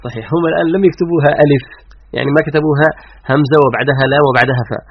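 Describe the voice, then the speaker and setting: A man explaining the Quran's letters to an interviewer, emphatic, slowing to stress each letter. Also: on the high side, gravelly, husky. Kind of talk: explanatory religious lecture. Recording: dull lo-fi radio sound.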